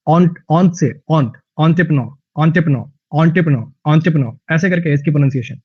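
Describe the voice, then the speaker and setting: A male teacher with a Haryanvi-tinged Hindi accent, giving an online vocabulary lesson in a chatty, jokey way with lively anecdotes. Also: fairly high pitch, dull audio.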